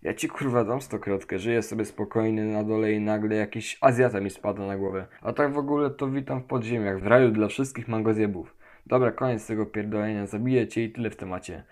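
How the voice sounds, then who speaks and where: A man voicing a comic parody dub of a game, crude and swearing, with quick deadpan jokes. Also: on the low side.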